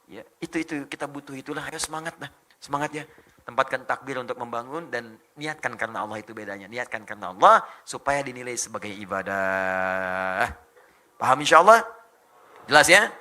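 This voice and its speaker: A middle-aged man preaching a lively sermon, animated and joking, firing off rhetorical questions to the crowd. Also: mid-range voice. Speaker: Islamic preacher.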